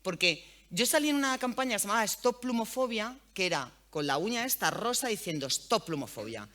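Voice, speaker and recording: Guest spot: outspoken Spanish woman journalist, bright voice, swooping delivery, no filter. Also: on the high side, lively intonation, fairly quick. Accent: Spain. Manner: blunt, outspoken, earthy. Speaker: radio journalist, interview guest. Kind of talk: frank conversational interview. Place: event panel.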